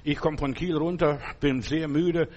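Fervent pastor guy preaching, kinda high voice, talks right at you, rambles into stories. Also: steady tone, measured pace, darkish tone. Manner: fervent, direct preaching to a single listener; loose, storytelling delivery with restarts. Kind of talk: sermon.

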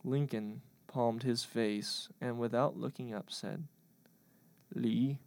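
Gravelly deadpan male storyteller. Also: mid-range voice, slow pace. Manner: deadpan mock-grand delivery. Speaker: narrator. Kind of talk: mock-historical comic storytelling.

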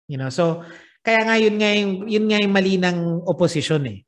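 A man's voice: high voice, animated, moderate pace. A man with a Filipino accent hosting a casual podcast chat, talking loosely and laughing often. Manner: chatty, laughs often, mixes English into Filipino. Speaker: podcast host.

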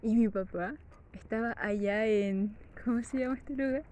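A woman with a Chilean accent casually telling a story to camera, laughing often in a lively, chatty way. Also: a little high, normal speed, a little hiss or hum. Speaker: vlogger.

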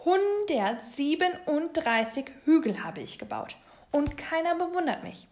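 A woman's voice: high-pitched, normal speed, natural voice. A woman voicing a proud, hardworking male mole in a children's storybook, boastful and complaining.

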